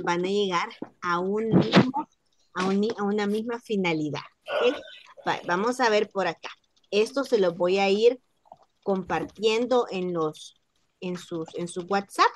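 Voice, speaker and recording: Slow-speaking woman teaching French online. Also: mid-range voice, a little hiss or hum. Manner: slow, repeats words to model pronunciation. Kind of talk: online class lesson.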